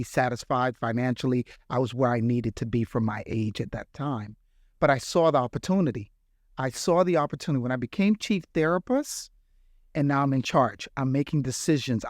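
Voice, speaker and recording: A man's voice: mid-range voice, a little mellow, no echo, studio quality. A middle-aged man from the Bahamas, a healthcare executive, answering interview questions with earnest, reflective storytelling. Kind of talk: interview conversation.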